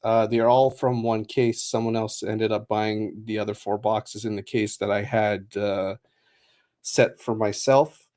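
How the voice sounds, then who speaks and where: A man's voice: lowish voice, flat delivery, a little slow, a little mellow. A man hosting a live sports card break, chatting casually to viewers in a loose way, with lots of fillers and self-corrections.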